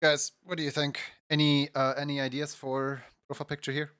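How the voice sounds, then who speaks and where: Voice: medium pitch, flat delivery, fairly quick, a bit bright, clean tone, dry recording, studio quality. A streamer chatting casually while drawing on a livestream, playful and given to cutesy exclamations. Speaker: streamer, animator.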